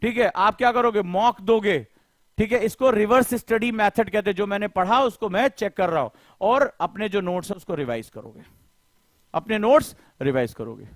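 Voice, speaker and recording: A man's voice: high voice, lively intonation, moderate pace, dry recording. A man coaching exam students in a live lecture, speaking emphatically and firing rhetorical questions at them. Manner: switches between formal and familiar address. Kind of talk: live motivational study lecture.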